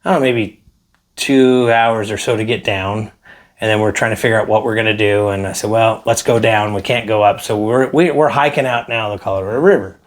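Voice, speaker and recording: Male guest, casual interview storyteller, lively when quoting others. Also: on the low side, a little fast. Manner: animated storyteller acting out quotes. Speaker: helicopter pilot guest.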